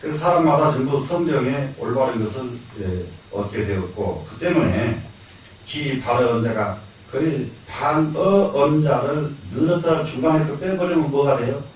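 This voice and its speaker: A man's voice: mid-range voice, animated, moderate pace, darkish tone, slight background noise. An older man, a Buddhist monk with a Jeolla Korean accent, giving a lecture. He repeats key lines, asks questions and answers them himself, and chuckles now and then. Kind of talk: classroom lecture. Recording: echoey hall, mic from far off.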